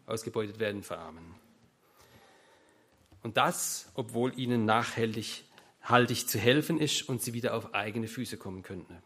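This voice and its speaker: A man's voice: on the low side, normal speed, fairly bright tone, husky, voice pushed down. A man voicing an older male economics professor who politely and earnestly protests.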